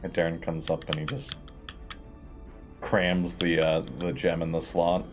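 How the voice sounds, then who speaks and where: A man's voice: deep voice, flat delivery, unhurried, over music. A man acting as game master, narrating a tabletop role-playing game in a casual, informal, sweary way.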